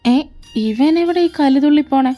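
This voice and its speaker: Her voice is high and warm, and she speaks a little slowly as she takes on all the roles in a fan fiction audio drama. She switches from arguing to teasing to pleading, with soft music behind her.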